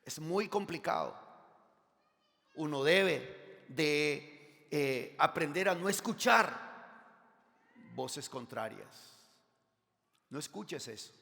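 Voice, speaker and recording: Gravelly pastor preaching in a hall. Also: male voice, on the high side, expressive, drawn-out words, long pauses, bright, forceful tone. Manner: impassioned preaching, acting out whiny prayers and repeating lines. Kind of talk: sermon. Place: church sanctuary. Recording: long church hall reverb.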